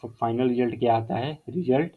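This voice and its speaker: Speaking fairly fast in a mid-range voice, this math teacher explains a lesson on the whiteboard one step at a time. He keeps repeating key terms and slips in English phrases; the audio has a narrow, phone-like quality.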